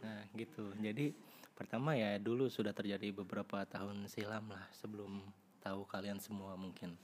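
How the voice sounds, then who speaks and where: A man's voice: on the low side, fairly even intonation, normal speed. A young man, speaking through a voice changer as a guest in a casual confessional chat, hesitant and full of fillers and restarts. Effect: voice changer disguising his voice. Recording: noisy recording.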